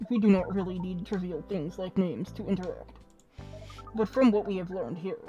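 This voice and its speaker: A woman voicing a calm, formal alien visitor whose voice sounds muffled, as if inside a spacesuit helmet. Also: medium pitch. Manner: formal, measured, speaks as "we". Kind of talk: voicing a game character on stream.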